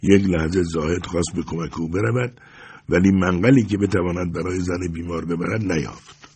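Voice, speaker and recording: A man narrating a story as an audiobook in a steady, measured reading. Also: deep voice, husky.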